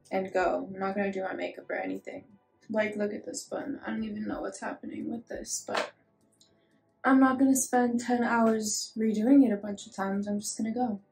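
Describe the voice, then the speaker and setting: A woman in her twenties, a fitness vlogger, talking in an earnest, relaxed way with plenty of "like" fillers. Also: on the high side, husky. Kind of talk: casual advice vlog. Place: bedroom, home studio and parked car.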